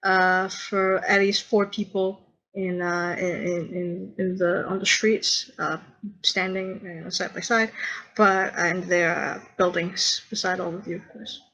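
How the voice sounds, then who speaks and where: A woman narrating as game master of a tabletop game, halting with many fillers and acting out short lines for the guards. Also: on the low side, flat delivery, a bit bright, poor audio.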